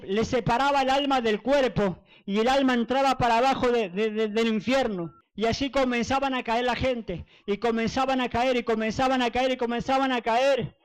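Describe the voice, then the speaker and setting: A man's voice: extremely high pitch, clear, resonant tone, poor audio. A male evangelist giving a fervent testimony sermon, repeating phrases for emphasis. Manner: fervent and repetitive.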